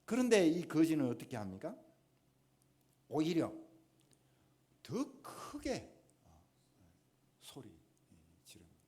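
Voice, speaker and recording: A pastor with a Gyeongsang accent delivers a sermon in a church. His voice sits high and swings widely in pitch. He presses each point with mounting emphasis. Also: huge pitch swings, slow pace, long pauses. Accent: Gyeongsang Korean. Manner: emphatic, rising to forceful exhortation. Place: church sanctuary.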